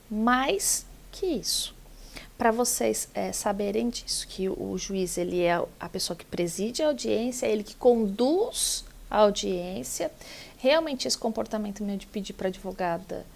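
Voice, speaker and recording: A middle-aged woman law lecturer telling a courtroom anecdote in a casual, animated way, acting out the people she quotes. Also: mid-range voice, gravelly. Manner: animated storytelling, acts out quoted voices.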